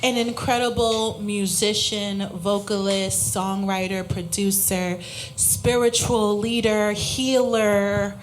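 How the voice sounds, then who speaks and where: A young woman hosts a podcast in front of a live crowd and introduces her guest with effusive praise. Her pitch sits in the middle. Faint room noise from the venue is heard behind her. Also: level tone, slow pace. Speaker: podcast host. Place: live cafe event before an audience.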